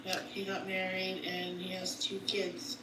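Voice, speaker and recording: Caller woman, monotone and lowish, roomy echo, noisy distant line. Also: unhurried. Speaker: guest on a live call. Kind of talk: casual chat. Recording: distant echoey call with noise.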